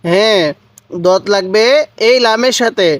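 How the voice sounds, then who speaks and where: A man's voice: high voice, fairly even intonation, unhurried, no room sound. A man teaching Quran letter reading step by step, patiently spelling out syllables and repeating them for the viewer. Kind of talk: step-by-step recitation lesson.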